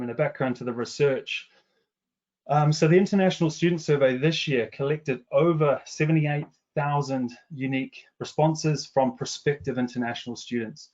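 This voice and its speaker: This middle-aged commercial director from New Zealand, whose accent has softened toward English after years living there, reports survey findings in a webinar. He keeps a measured business tone but often ums and restarts. The voice is fairly high with a darkish tone, and the recording is muffled.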